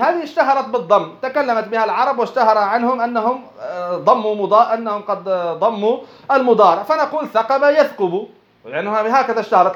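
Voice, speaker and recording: A man with a high voice teaches at a brisk clip, explaining a grammar text line by line. He poses rhetorical questions and answers them himself, repeating phrases as he goes. The recording sounds dull and lo-fi. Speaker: Islamic studies teacher.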